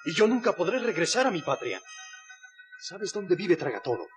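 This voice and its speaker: Bold sailor hero, high ringing voice, very animated, declamatory, children's audio adventure. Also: male voice, normal speed, faint music behind. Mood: determined. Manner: declamatory, emphatic.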